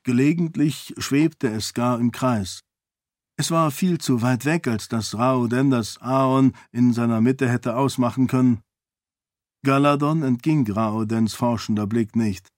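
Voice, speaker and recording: A man narrates a novel in a measured, even reading voice of middle pitch. He is recorded close on a studio mic in a dead, dry room with no reverb. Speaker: audiobook narrator. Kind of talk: scripted narration.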